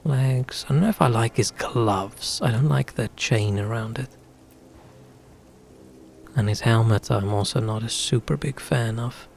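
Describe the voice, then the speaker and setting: Gravelly man chatting over his game. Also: medium pitch, a little slow, slight background noise. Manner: relaxed, chatty, thinking aloud. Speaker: streamer. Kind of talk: casual gaming commentary.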